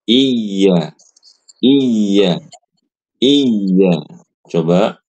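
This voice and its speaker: A man guides a small recitation class, patiently repeating each phrase himself. His voice sits very low and unhurried, with a mellow, soft tone. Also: lively intonation. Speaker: Quran recitation teacher. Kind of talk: online recitation lesson.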